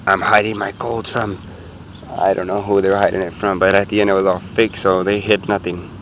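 Man, low voice, casual chatty vlog, talking to viewers, outdoors in a park, faint outdoor ambience. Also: level tone, a little fast, fairly bright tone, a little hiss or hum, low-quality recording. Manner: chatty, talks to viewers while digging. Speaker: metal detecting vlogger. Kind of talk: casual narration to camera.

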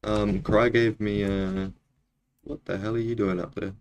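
A man's voice: fairly low pitch, flat delivery, a little slow, a little hiss or hum. A young man with a broad New Zealand accent, chatting casually and slangily in a laid-back way while streaming a game. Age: young adult. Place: small indoor room at home.

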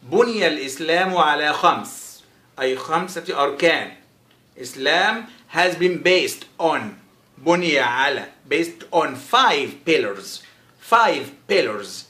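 A man with an Egyptian accent teaching a vocabulary lesson. He says English words very slowly, repeats them, then explains them quickly. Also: fairly high pitch, expressive, bright, forceful tone. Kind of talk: vocabulary lesson with slow repetition. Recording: roomy echo.

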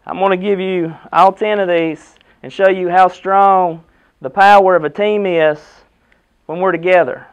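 A middle-aged American man delivers a pep speech to his team as their coach. His voice is high for a man and clean, without rasp. He drives the message home in short, emphatic phrases and rhetorical questions, captured on slightly dull camera audio in a locker room. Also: steady tone, unhurried. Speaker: basketball head coach. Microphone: camera a few metres away.

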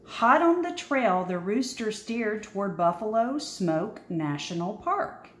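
A woman reads a children's picture book aloud with lots of expression, using dramatic pauses and emphasis. Her mid-range voice is very animated, and the large indoor room gives the recording an echo.

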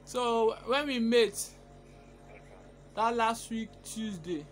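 A man's voice: very high-pitched, slow, soft background music. A young man making a casual prank call, hesitant and stammering, recorded on a phone camera at arm's length. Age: young adult.

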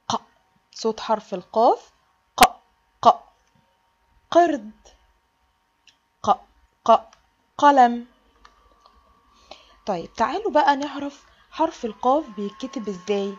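A woman's voice: a little high, darkish tone, husky, dull audio. A woman with an Egyptian Arabic accent, teaching a kindergarten alphabet lesson in a sing-song way and stretching out the letter sounds for small children.

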